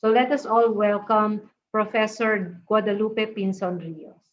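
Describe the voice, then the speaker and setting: A woman moderating an online academic panel, introducing the next speaker in a measured way. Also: medium pitch, fairly even intonation, lo-fi sound, a little hiss or hum.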